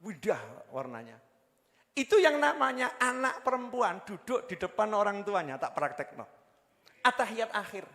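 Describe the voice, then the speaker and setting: A preacher with a Javanese accent delivers a sermon in a high, bright voice that rings through a hall with long reverb. He swings from loud exhortation to low, joking asides. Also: sing-song, normal speed.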